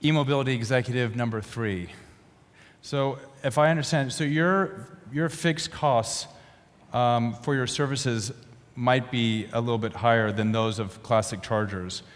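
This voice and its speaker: A man's voice: mid-range voice, a little slow. Guy hosting a panel, jokey questions, mid voice, echo of a big hall. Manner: joking, teasing questions. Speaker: panel moderator. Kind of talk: playful panel moderation. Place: large conference hall. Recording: conference hall reverb.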